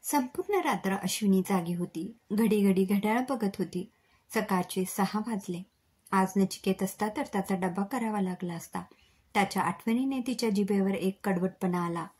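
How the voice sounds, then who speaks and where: A woman's voice: mid-range voice, normal speed, a little mellow, husky. A woman narrating an emotional story, reading it dramatically and acting out the dialogue.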